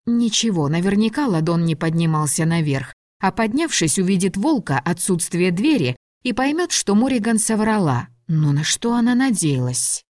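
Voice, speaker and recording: A woman reading a first-person audiobook in an even, measured storytelling voice. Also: medium pitch, no room sound, clean studio sound. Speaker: audiobook narrator.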